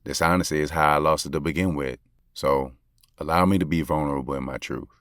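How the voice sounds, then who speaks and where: A rumbling low yet fairly bright voice moves fast with fairly even intonation as an American actor plays a lovestruck basketball coach full of regret. His slangy, confiding audio drama narration is earnest and intimate, recorded dry at studio quality with music underneath.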